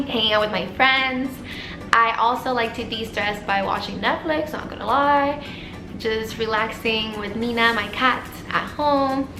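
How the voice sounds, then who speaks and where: Young woman, bright upbeat chatty voice, echoey small room, faint music. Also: high voice. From Puerto Rico. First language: Spanish. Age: 20s. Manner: upbeat, chatty, reads questions aloud. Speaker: vet student vlogger. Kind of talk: casual Q&A vlog. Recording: roomy echo, faint music behind.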